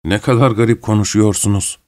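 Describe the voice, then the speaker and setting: A man reading an audiobook, voicing an irritable, suspicious middle-aged gentleman who talks bluntly and sharply. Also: fairly low pitch, steady tone, a little fast, lightly acted. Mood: irritated.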